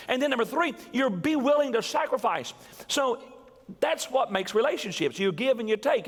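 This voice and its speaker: A middle-aged male pastor giving a sermon in a church, animated and quoting people in acted voices. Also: high-pitched. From US South. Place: church sanctuary. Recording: long church reverb.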